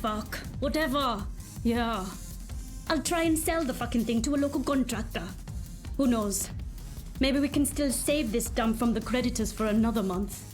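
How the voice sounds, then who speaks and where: A woman's voice: fairly high pitch, moderate pace, soft background music, lightly acted. A woman playing a caustic, scornful, sarcastic workshop boss in a video game. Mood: grudging, sardonic. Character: foul-mouthed, scornful female boss of a robot workshop. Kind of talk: video game character acting.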